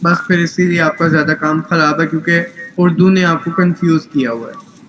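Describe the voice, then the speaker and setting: A man's voice: a little high, steady tone, fairly bright tone, reverberant, slight background noise, low-quality recording. A man teaching tajweed in an online class, patient and corrective, mixing English phrases into his speech. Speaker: Quran recitation teacher.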